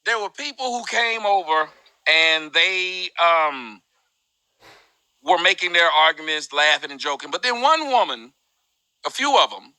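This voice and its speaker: Male live-stream host, bright edgy tone, dry close mic, animated and喜 casual. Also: measured pace, clean tone, no echo, low-quality recording. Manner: animated, swings high and loud when mocking. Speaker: host of a live group discussion.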